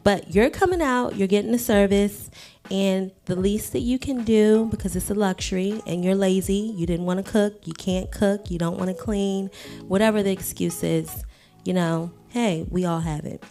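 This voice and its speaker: A woman's voice: medium pitch, moderate pace, warm tone, soft background music. A woman from Washington, D.C., co-hosting a casual podcast chat, candid and frank, with some swearing. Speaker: podcast co-host.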